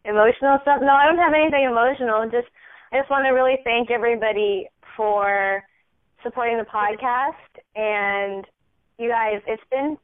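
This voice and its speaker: A woman co-hosting a podcast in casual chat, bubbly and quick to giggle. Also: mid-range voice, smooth, no room sound. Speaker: podcast co-host. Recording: tinny phone-line sound, dry.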